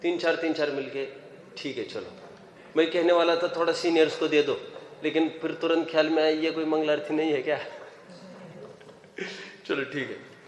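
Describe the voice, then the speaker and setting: High-voiced man teaching in echoey hall. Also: steady tone, moderate pace, a little hiss or hum. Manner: conversational, quizzes students, mixes in English phrases. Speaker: religious teacher. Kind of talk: scripture class lecture. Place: classroom or hall with students. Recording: echoey hall, long reverb.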